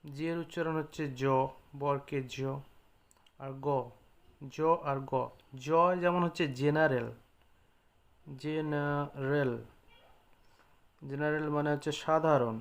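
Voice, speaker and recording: Slow man teaching letters. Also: fairly high pitch. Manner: slow, spelling out letters and example words one by one. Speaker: English teacher. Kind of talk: slow spoken English lesson.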